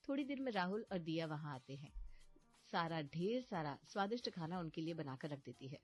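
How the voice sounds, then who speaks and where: A woman's voice: low-pitched, big pitch swings, fairly quick, breathy edge. A woman narrating a storybook family drama, with background music. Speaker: narrator voicing several characters. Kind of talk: storybook narration with acted dialogue.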